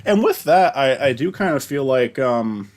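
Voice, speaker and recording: A young man hosting a casual chat stream, talking in a rambling, halting way with frequent restarts and casual swearing. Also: medium pitch, expressive, darkish tone. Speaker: stream host.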